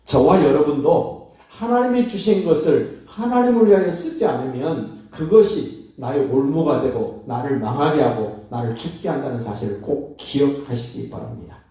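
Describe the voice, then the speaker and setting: A male pastor delivers a sermon, reading a scripture passage and then unpacking it phrase by phrase with weighty pauses. His voice is mellow and dark, and it rings through a very reverberant sanctuary from some distance off the microphone. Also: mid-range voice, lively intonation. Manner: reads scripture aloud, then expounds with emphatic pauses. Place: church sanctuary at a dawn prayer service. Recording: very echoey church hall, voice from far off.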